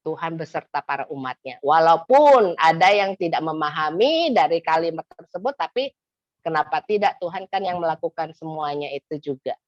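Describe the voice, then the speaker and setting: A woman, a fellowship member, giving a casual testimony, relaxed and modest, laughing often. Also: low voice, moderate pace, no room sound, highs cut off.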